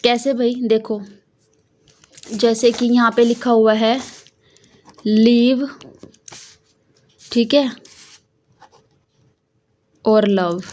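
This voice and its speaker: A woman's voice: a little high, level tone, measured pace, long pauses, darkish tone, a little hiss or hum. A woman teacher explaining poetry lessons, often asking her students questions and answering them herself. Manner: repetitive, coaxing, asks and answers own questions. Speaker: English teacher. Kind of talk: Hindi-English classroom explanation.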